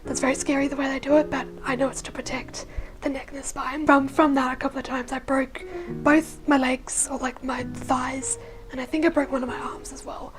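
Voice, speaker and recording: A young woman vlogger tells her life story casually, her voice naturally husky and hoarse but high for a woman. She rambles personally with lots of "like" and "you know," often dropping into a breathy near-whisper, keeping a level tone at a fairly quick clip. Clear music runs beneath her the whole time.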